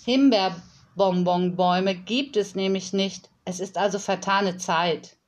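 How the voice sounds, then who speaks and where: A woman voicing a strict, bossy girl in a storybook reading, sharp and scolding. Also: mid-range voice, fairly even intonation, slow, natural voice. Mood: lecturing.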